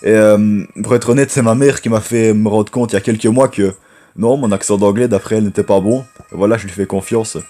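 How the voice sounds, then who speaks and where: A man with a low voice giving rambling, chatty gameplay commentary and talking to viewers as friends. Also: steady tone, a little fast, warm tone. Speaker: gaming YouTuber.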